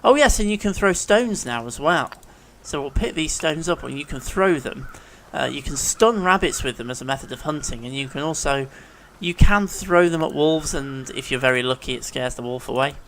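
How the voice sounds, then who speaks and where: A man with a cold and a sore throat commentates his gameplay from the living room at home, chatting and thinking aloud like a let's play commentator. His voice is fairly high and animated, with a fairly bright tone, normal speed and few pauses. A little hiss or hum sits under the recording.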